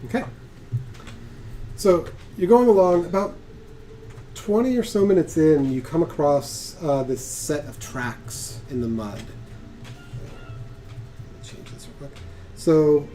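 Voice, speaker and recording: Guy running a tabletop game, chatty, laughs a lot, mellow higher voice, faint hiss behind. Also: slow pace, long pauses. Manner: chatty, laughs often, many restarts. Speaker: game master.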